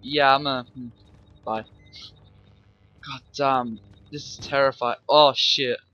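A man's voice: mid-range voice, steady tone, slow pace, lo-fi sound. A young man giving jumpy, swearing let's play commentary on a horror game. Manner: jumpy, swearing, laughing, yelling when startled. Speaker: gameplay commentator.

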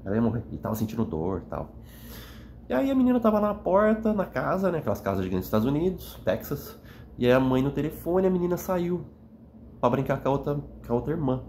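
A man's voice: mid-range voice, animated, fast, dark tone, slight background noise. A man talking in an emotional, reflective monologue to the camera, earnest and rambling, tagging his sentences with little questions and sounding worn out after crying. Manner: earnest, rambling, frequent "né?" tags. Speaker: vlogger. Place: indoors, at night.

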